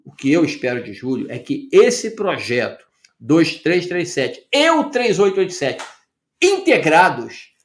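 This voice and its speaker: A man with a fairly high voice lectures on tax policy in a loose, conversational way. He talks emphatically, stacks up rhetorical questions and leans on plenty of fillers. The echo of the room he recorded himself in is clearly audible. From Brazil. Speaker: tax professor commenting on news. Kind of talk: informal video commentary. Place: home office.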